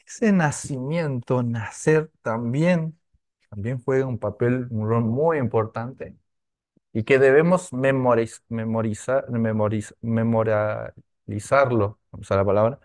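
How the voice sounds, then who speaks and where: A man gives a language lesson at an unhurried, careful pace. He repeats words patiently and keeps asking his students whether they follow. His voice sits at an ordinary middle pitch. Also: darkish tone. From Argentina. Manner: slow, repetitive, with frequent tag questions. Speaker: language teacher. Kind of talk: online language class.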